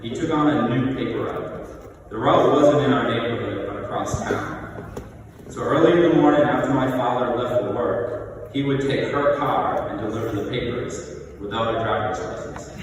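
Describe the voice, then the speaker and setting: A middle-aged man delivers a prepared eulogy in a large, heavily reverberant church. He speaks at an average pitch, reminiscing in measured short phrases. The microphone sits at a distance, with clear noise around the voice. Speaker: son giving a eulogy. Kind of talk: prepared eulogy speech, read aloud. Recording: echoey church hall, distant mic, noisy.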